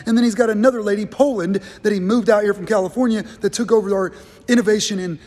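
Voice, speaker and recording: A man's voice: sits high, fast, big-room sound. A man telling a heated, indignant story in a casual rant. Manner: heated, indignant, animated quoting of others. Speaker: channel host telling a story.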